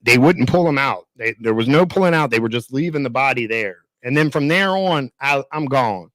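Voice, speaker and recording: With a medium-pitched, fairly bright voice, this podcast storyteller moves at a moderate pace with lively intonation. He spins his tale casually and animatedly, with slangy, emphatic phrasing, frequent repetition, and plenty of "bro" and "dude." There's no room sound, but the recording is low quality.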